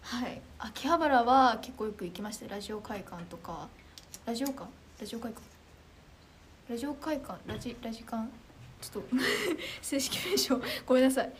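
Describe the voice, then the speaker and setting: Bubbly high-voiced teenage girl streamer. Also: slight background noise. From Chiba, Japan. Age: teens. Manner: bubbly, quick, animated and self-deprecating. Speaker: idol trainee streamer. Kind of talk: casual livestream chat reading comments.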